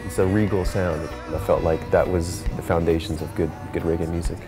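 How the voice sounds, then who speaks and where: A man's voice: low-pitched, steady tone, fairly quick. A man in his thirties, a reggae musician telling his story in an interview in a laid-back way, often adding "you know". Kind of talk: reflective interview monologue. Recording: clear music playing behind the voice.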